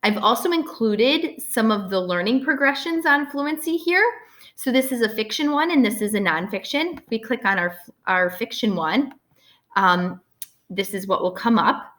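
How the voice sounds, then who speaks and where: A woman's voice: fairly high pitch, lively intonation, normal speed, fairly bright tone. A woman teacher explaining a lesson in a casual way, full of filler words, often checking in with "right?".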